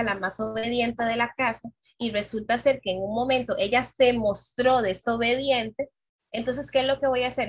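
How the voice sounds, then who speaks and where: A woman's voice: fairly high pitch, fairly bright tone, no room sound, muffled recording. A woman giving an online training talk to fellow teachers, calling them colleagues and repeating her key points for emphasis. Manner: addresses listeners as colleagues. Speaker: workshop speaker for teachers.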